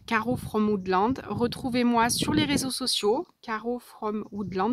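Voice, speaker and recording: A woman vlogger chatting casually as she unboxes a parcel, soft and hesitant, with many fillers. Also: fairly high pitch, slight background noise.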